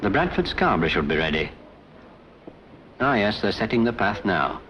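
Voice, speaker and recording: A man's voice: fairly low pitch, very animated, moderate pace, a bit bright, a little hiss or hum. A man narrating a scripted 1950s documentary as a railway official, in a conversational, wry storytelling way. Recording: dull 1950s film soundtrack with music.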